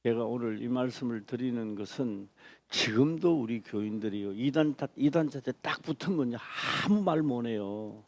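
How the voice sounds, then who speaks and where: A man preaching a sermon as a pastor, speaking emphatically with repeated phrases and sudden loud stress. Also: mid-range voice, normal speed. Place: church.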